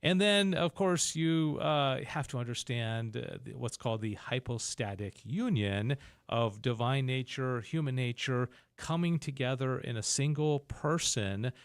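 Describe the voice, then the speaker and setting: A man's voice: mid-range voice, unhurried, clear, resonant tone, no room sound. Male podcast host, casual teacher, dead-dry close mic. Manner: explanatory, repeats "okay?" and restarts, chuckles. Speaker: podcast host explaining Thomistic philosophy.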